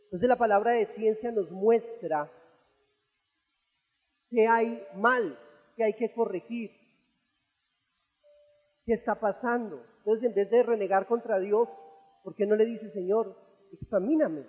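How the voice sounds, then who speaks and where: Colombian man, pastor's sermon, high voice, mellow tone, echoey church hall. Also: unhurried, long pauses. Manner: earnest teaching, rising to loud fervent passages. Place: church auditorium.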